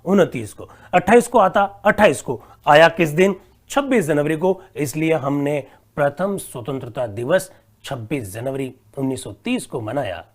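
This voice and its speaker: High-voiced animated male exam coach. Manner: reads viewers' comments aloud and answers them; animated, addresses students as "saathiyon", repeats points slowly. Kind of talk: live online exam-prep class.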